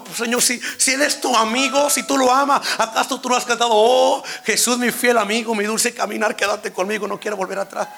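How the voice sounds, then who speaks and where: A man preaching a Pentecostal-style sermon, shouting out some lines and dropping others low, often breaking in with "aleluya". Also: vocal fry. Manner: impassioned, swings between shouting and low hushed lines.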